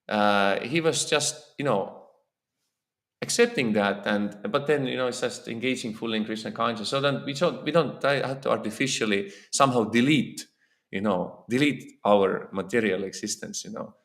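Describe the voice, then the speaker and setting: In a temple hall, a man with an Estonian accent lectures informally on scripture. His voice is medium-pitched and a bit bright at a moderate pace, and he speaks earnestly, often repeating words as he hunts for phrasing.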